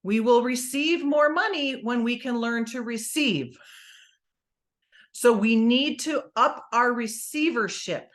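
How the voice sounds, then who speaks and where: A woman giving an energetic, emphatic motivational talk on a group call, asking her listeners questions. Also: fairly high pitch, takes it slowly. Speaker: motivational speaker.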